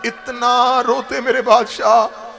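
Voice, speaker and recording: A man from Pakistan with a Pakistani Urdu accent, preaching an impassioned majlis sermon from a pulpit, recounting in a lamenting recital that rises into crying shouts. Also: very high voice, level tone, takes it slowly, vocal fry. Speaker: Shia cleric delivering a majlis. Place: standing at a pulpit at a gathering.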